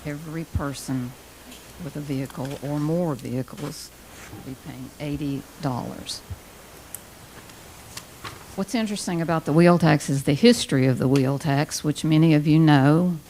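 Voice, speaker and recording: A woman giving a deliberate, measured public comment at a meeting. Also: low-pitched, darkish tone, low-quality recording. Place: indoor meeting room. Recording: faint room noise.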